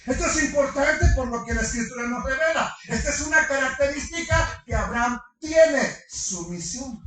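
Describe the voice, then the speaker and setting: A middle-aged man preaching a sermon to his congregation, animated, firing rhetorical questions and slipping in humorous asides. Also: extremely high pitch, moderate pace, faint music behind. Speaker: pastor. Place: large congregation hall. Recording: echoey hall from far off.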